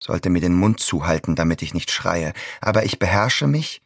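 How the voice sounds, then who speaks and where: Bitter, deep-voiced young son. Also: male voice, lively intonation, moderate pace, creaky, no echo, clean studio sound, heavily acted. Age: 20s. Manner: sardonic, bitter, brooding. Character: bitter 26-year-old son stuck in his childhood room. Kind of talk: dramatic inner monologue.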